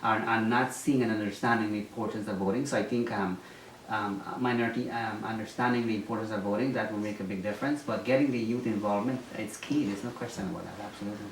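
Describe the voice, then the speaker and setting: This interviewee is a former mayoral candidate from Guyana whose lowish voice holds a steady tone at a quick pace. His answers come haltingly, full of ums and restarts, recorded from a distance with roomy echo and faint noise.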